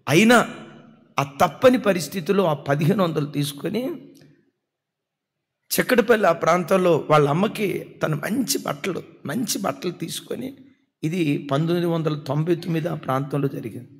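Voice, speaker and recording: A male pastor delivering an emotional storytelling sermon with impassioned, dramatic preaching and sudden loud swells. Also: a little high, normal speed. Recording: long hall reverb.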